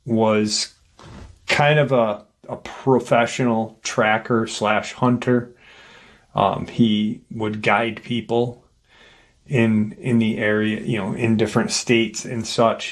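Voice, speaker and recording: Guy narrating a creepy encounter story, kinda low voice, real slow, lots of ums and restarts. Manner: unscripted, with frequent fillers and restarts. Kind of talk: retelling an encounter account.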